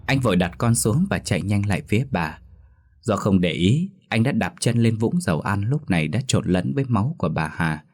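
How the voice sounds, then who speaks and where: A man narrating a scripted ghost story in a steady storytelling manner. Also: lowish voice, fairly quick.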